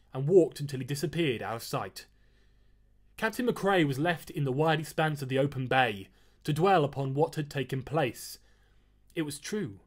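An author reading his own novel aloud in a measured, expressive storytelling voice. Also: on the high side. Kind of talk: audiobook-style reading.

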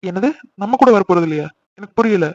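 Man playing a protective cartoon big brother, quick teasing talk, dull lo-fi sound. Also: sits high, lively intonation, a little mellow, no room sound. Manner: teasing then soothing, scolds playfully. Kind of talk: animated cartoon dialogue. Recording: slightly dull lo-fi audio.

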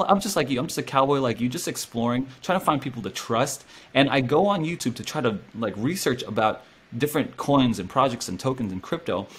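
A man's voice: mid-range voice, breathy edge. A young man hosting a casual interview from a small room at home, talking animatedly into the camera. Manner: animated, gestures a lot, speaks to camera. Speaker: host.

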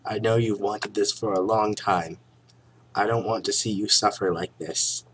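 A man's voice: fairly low pitch, fairly even intonation, a little slow, fairly bright tone, poor audio. A man voicing an earnest, devoted male bee in love, making hammy declarations in a story reading. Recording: noticeable background noise.

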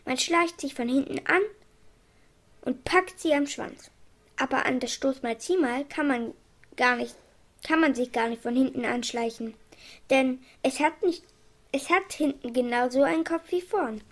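A woman narrating a children's storybook in a clear storytelling manner. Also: high voice, a little slow. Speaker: audiobook reader.

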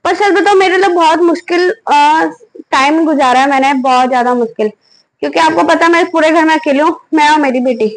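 A young mother with a high, light voice vlogs at home late at night. She is hungry and worn out and talks to the camera in a weary, frustrated way, recorded on a phone on a tripod. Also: brisk, poor audio. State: hungry and tired. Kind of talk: casual home vlog. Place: home bedroom and kitchen at night.

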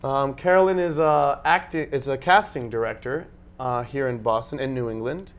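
A man's voice: medium pitch, normal speed, smooth. Joking male host for a casual local chat show. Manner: joking, easygoing. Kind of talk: casual interview.

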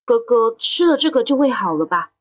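In a Mandarin audio drama, a woman voices a curious young teenage boy who scares easily, sounding pondering and uneasy. Her voice is a little high and slightly fast, with big swings in pitch.

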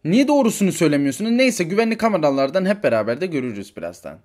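A man's voice: on the high side, sing-song, rapid-fire, a little mellow. A man voicing a stern male police officer in a toy figure story, giving curt, bossy orders. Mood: suspicious.

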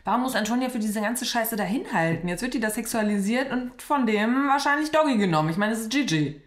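A woman's voice: fairly high pitch, lively intonation, quick pace. A young woman reacting to a reality show from a small studio, chatty and blunt with sarcastic slang. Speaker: reaction streamer. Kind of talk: casual reaction commentary. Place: small decorated studio room. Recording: roomy echo.

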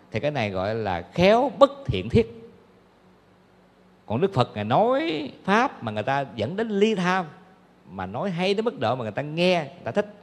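Male Buddhist monk, animated conversational sermon, long hall reverb. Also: medium pitch. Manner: lively storytelling, conversational with many fillers. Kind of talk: dharma talk.

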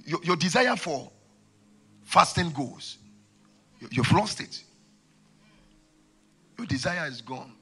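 A man in his forties with a West African accent and a husky voice, preaching and telling stories, repeating phrases for emphasis into a handheld microphone. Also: a little high, big pitch swings, slow, pauses often, a bit bright. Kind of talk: sermon with storytelling. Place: large church auditorium, on stage.

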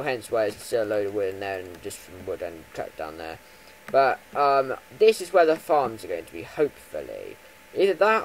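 A young man giving chatty Minecraft let's play commentary, full of ums and self-corrections, jumping from loud bursts down to low mumbles. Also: slight background noise, rough recording. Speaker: gaming YouTuber.

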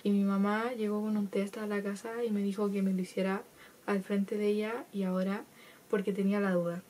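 A 15-year-old Chilean-accented girl vlogs a personal story to camera, chatty and laughing often as she acts out quotes. Her medium-pitched voice is brisk and dark in tone, with little pitch movement.

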